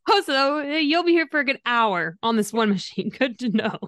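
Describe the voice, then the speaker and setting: A woman's voice: high voice, lively intonation, normal speed, a bit bright, no room sound, clean studio sound. A young adult woman hosting a podcast in a casual chat, upbeat and chatty, laughing often. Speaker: podcast host.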